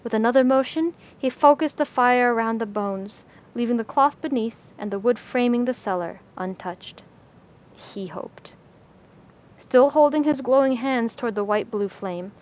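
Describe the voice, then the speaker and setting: A woman narrating a fantasy story in a measured, steady storytelling voice. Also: fairly high pitch. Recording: slightly dull lo-fi recording.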